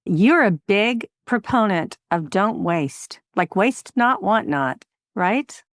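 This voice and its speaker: A woman's voice: medium pitch, animated, takes it slowly, no echo, studio quality. Enthusiastic female podcast host. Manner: enthusiastic, warm laughter. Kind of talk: interview, scripted intro.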